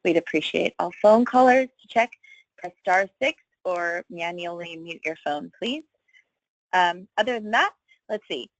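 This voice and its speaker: A woman's voice: on the low side, expressive, unhurried, dry recording, low-quality recording. A woman co-leading a training call, cheerful and chatty, laughing easily.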